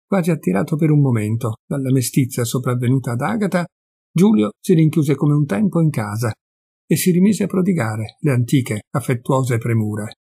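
Man, audiobook reader, literary narration, measured, husky, raspy edge. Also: mid-range voice, animated, mellow, no echo. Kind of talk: literary reading.

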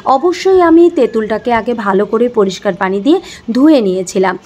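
Woman, kinda high voice, walks you through home remedies step by step. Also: fairly quick. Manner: steady, explanatory, addresses the viewer directly. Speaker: health and beauty tips presenter. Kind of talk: instructional home-remedy talk.

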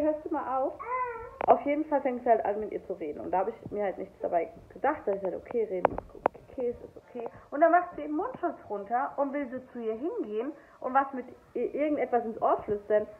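A woman's voice: on the high side, expressive, fairly quick. A woman in her twenties, a young mother, telling a storytime vlog in a heated, indignant way. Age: 20s. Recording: tinny phone-like sound, faint noise.

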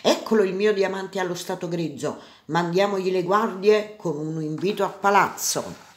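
A woman voicing a scheming, smug grand vizier in a storybook reading, slow and self-assured. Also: on the low side, echoey room, close to an everyday voice.

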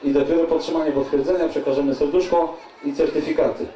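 A man's voice: fairly high pitch, fairly even intonation, fast talker, mellow. A man co-hosting a live charity auction, announcing bids to the audience like an auctioneer. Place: event stage with live audience. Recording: echoey, noisy stage, distant mic.

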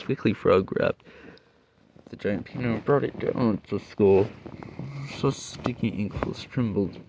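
A young man reading fan-made stories aloud, stumbling and halting with asides, over faint background noise. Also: on the low side, darkish tone, rough recording.

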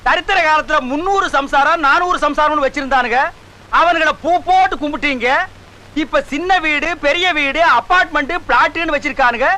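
An indignant sorcerer guru rants self-righteously at the disciples who plotted against him. His voice sits very high and sounds bright and forceful. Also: brisk, exaggerated voice. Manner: ranting, scolding, self-righteous. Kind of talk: film comedy dialogue.

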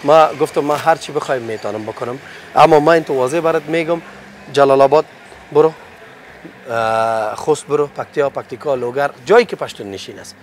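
A man's voice: medium pitch, slight background noise. A man hosting a hidden-camera prank, talking in a pushy, menacing way on a city street. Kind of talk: prank confrontation in casual street talk.

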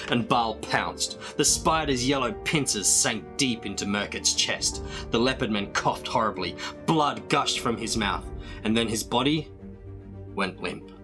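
A man reading a storybook aloud in a dramatic, measured way. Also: fairly low pitch. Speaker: storybook reader.

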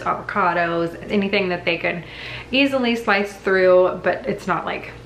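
A young woman vlogging as a mom, chatting enthusiastically about her haul, full of "like" and excitement. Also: medium pitch. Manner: bubbly, enthusiastic, chatty with many likes. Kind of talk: casual haul chat to camera. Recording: echoey room with faint background hum.

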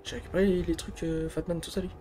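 A man giving casual let's-play commentary, excitable, swearing, and muttering to himself between outbursts. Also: fairly high pitch, fast, faint music behind. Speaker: gamer streamer.

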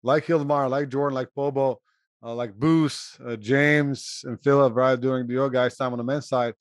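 Earnest coach, dry sound. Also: male voice, mid-range voice, steady tone, normal speed, no echo. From Croatia. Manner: earnest, adds "right?" to check in. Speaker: college throwing coach, host. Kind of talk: casual interview chat.

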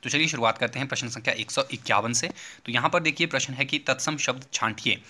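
Bright-voiced man explaining exam answers. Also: medium pitch, fast talker, a little hiss or hum. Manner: repetitive teacherly phrasing, steady explaining. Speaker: teacher hosting an exam-prep channel. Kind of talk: exam paper walkthrough lesson.

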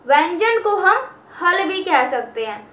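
Teacher, female, very high bright voice, slow and patient delivery, echoey room. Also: sing-song. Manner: repeats key terms and draws out chanted sounds. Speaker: Sanskrit teacher. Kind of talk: slow explanatory lesson.

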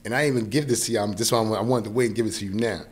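Rapid-fire delivery in a lowish voice marks this man in his forties from New York, United States, who has a New York accent. As a podcast guest, he tells a personal story casually and keeps checking in with the listener. The recording setup is a small indoor podcast studio with a close podcast mic on a boom arm.

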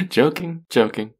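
A young adult man plays a tired, overworked but affectionate college boyfriend in an intimate roleplay audio. He speaks softly and drowsily, hesitating and sighing, in an exaggerated voice that is on the high side with a breathy edge.

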